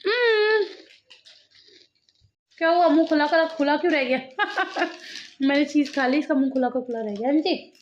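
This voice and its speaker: A chatty woman in her thirties talks to camera at home with her kids around, laughing easily as she tells stories. Her voice sits high. The sound is a little dull and lo-fi, with a faint hiss behind it. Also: moderate pace, pauses often. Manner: chatty, laughs often, coaxing with her children. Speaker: vlogger, mother. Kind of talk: casual home vlog chat.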